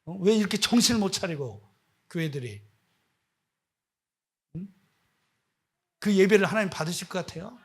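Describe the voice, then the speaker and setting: A man's voice: sits high, lively intonation, moderate pace, pauses often, darkish tone, slightly rough. A man preaching as a missionary, impassioned and scolding, firing off rhetorical questions at his listeners. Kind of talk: sermon.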